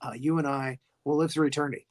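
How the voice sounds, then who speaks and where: A podcast host acting out a young woman vampire who schemes to live forever with her lover, in a low hushed voice. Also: steady tone, fast talker, natural voice. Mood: scheming.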